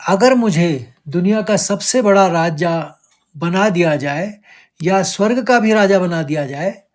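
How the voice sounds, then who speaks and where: A man teaching recitation, chanting verses slowly and breaking words into stressed syllables, then explaining quickly. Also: high-pitched, lively intonation.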